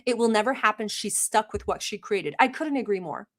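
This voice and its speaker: A young Turkish-born woman whose first language is Turkish hosts a casual livestream, reacting to a video in a medium-pitched, expressive, brisk voice. She's chatty and teasing, laughs often, and swears casually.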